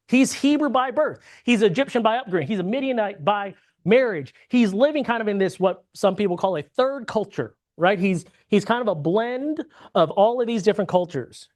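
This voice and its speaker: A mid-range voice with a darkish tone belongs to this Bible class teacher from the States. The lesson is conversational, with frequent tag-question check-ins with the class and sentences restarted partway, words repeated.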